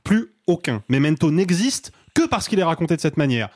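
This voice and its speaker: A man's voice: on the high side, very animated, a little mellow, no room sound, studio quality. A man arguing his point insistently in a casual film debate on a podcast panel. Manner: insistent, argumentative, rapid. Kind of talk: heated debate.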